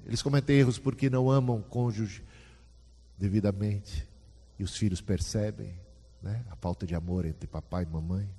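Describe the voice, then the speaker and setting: A man gives a sermon, chatting with the congregation and asking them questions. His voice is mellow and a little husky. It rings with the long echo of a church hall. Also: fairly low pitch, moderate pace. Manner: conversational, asks the audience questions. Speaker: preacher.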